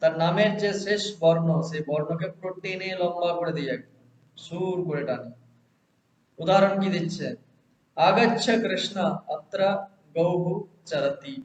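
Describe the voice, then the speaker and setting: A man's voice: fairly high pitch, moderate pace, a little mellow. Man teaching grammar in an echoey room. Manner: explains step by step, asks and answers his own questions. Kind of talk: explanatory grammar lesson. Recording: echoey, dull lo-fi room recording with faint hiss.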